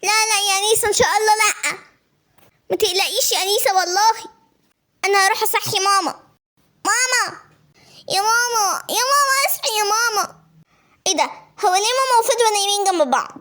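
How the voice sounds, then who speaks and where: A woman's voice: very high-pitched, fast, pauses often, bright, forceful tone. A woman with an Egyptian accent voicing a brave, protective young boy in a spoken story. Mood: reassuring. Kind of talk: voiced storytelling.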